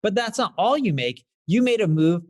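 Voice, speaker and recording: A man hosts a scripted investment interview with a highly varied, animated pitch. He prompts and sums up enthusiastically, in a promotional style. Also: normal speed. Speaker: host interviewing and promoting a company.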